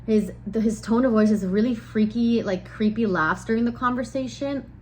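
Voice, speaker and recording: A woman's voice: on the high side, moderate pace, a little mellow, slight background noise, rough recording. A young woman telling a dating story to camera in a chatty, exasperated way, full of filler words. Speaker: vlogger. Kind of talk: casual storytelling.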